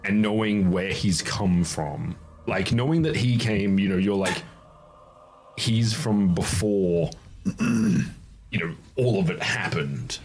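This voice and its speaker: Low, slow male game master. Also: a little mellow, breathy edge. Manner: halting, thinking aloud. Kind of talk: improvised tabletop game narration.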